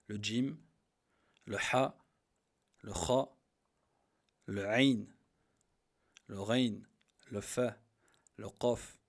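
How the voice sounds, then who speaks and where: A man teaching Arabic grammar in a voice, patiently repeating each example word slowly and stressing it. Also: lowish voice, gravelly. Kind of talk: grammar lesson.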